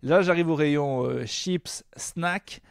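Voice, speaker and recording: A man co-hosting a podcast, telling animated stories with frequent laughter. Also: fairly high pitch, takes it slowly, creaky, smooth, no echo, studio quality. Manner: animated storyteller, laughs often. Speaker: podcast co-host. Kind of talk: casual chat.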